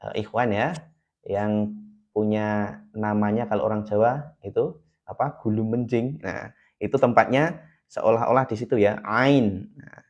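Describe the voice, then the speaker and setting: A man's voice: on the low side, fairly even intonation, a little slow, pauses often, a little mellow, muffled recording. A man teaching beginners to read the Quran on a live stream, patient and repeating key points, at times chanting syllables in a melody.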